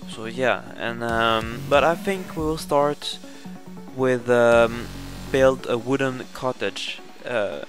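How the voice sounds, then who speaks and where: Young swedish guy doing a let's play, slow and stumbly, game music loud behind him. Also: medium pitch. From Sweden. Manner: slow, halting, many fillers and self-corrections. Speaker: gaming channel host. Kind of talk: casual Let's Play commentary.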